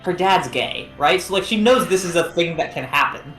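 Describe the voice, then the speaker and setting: A woman co-hosting a game playthrough in casual chat, with vocal fry. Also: fairly low pitch, lively intonation, moderate pace, fairly bright tone, reverberant, faint music behind. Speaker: let's play co-host.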